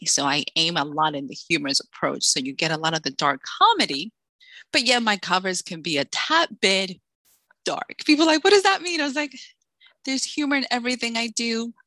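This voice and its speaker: Bright, animated woman telling funny stories. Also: medium pitch, dry recording. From Dominican Republic. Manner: lively, joking, acts out quoted voices. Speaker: author guest. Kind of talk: casual interview chat.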